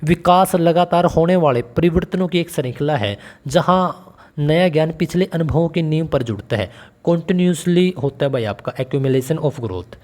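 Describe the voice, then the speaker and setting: A man's voice: fairly high pitch, measured pace, a little mellow. A man teaching an online exam-prep lesson in a casual, conversational way, often calling the viewer brother and putting questions to them. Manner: conversational, calls the listener brother and asks questions.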